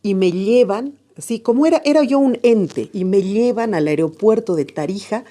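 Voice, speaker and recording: A woman's voice: medium pitch, expressive, normal speed, mellow. A woman recounting a painful memory in a documentary interview, telling it vividly and acting out the dialogue. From Bolivia. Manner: vivid storytelling, acts out remembered dialogue. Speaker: interviewee, daughter recalling her father's death.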